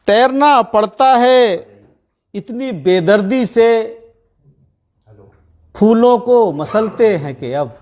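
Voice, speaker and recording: A man reciting ghazal couplets as a poet at a gathering, declaiming each line deliberately and repeating it for his listeners. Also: high-pitched, lively intonation, a little mellow, highs cut off.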